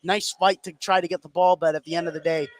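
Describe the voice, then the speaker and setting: This radio play-by-play man talks fast, with a higher-pitched voice and fairly steady intonation, describing the basketball action in clipped little phrases. Background noise from the game echoes through the gym.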